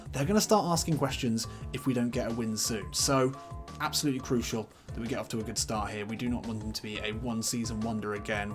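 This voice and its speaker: A man who makes gaming videos, giving casual commentary on a football video game, chatty and thinking aloud about his team choices. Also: mid-range voice. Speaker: gaming YouTuber. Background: background music.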